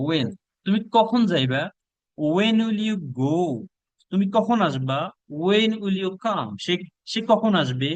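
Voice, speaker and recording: A man with a Bangladeshi accent teaching a spoken English lesson, drawing out each model sentence slowly and giving quick translations in between. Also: fairly high pitch, dry recording, highs cut off.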